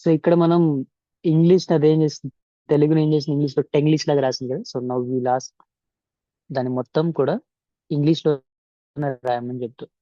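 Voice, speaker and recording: A Telugu man talks through an informal tutorial, blending Telugu and English as he goes. His voice is soft-edged and mellow. The recording is dull and lo-fi, as a voice-over made indoors. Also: on the high side, steady tone, fast talker, pauses often, no room sound. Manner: mixes Telugu and English mid-sentence. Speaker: tutorial instructor. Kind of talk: informal software tutorial narration.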